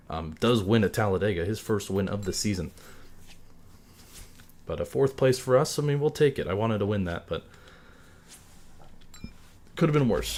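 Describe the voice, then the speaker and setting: A young man streaming a racing game live, calling the action in an excitable, announcer-like play-by-play. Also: lowish voice, a little hiss or hum. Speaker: gaming streamer.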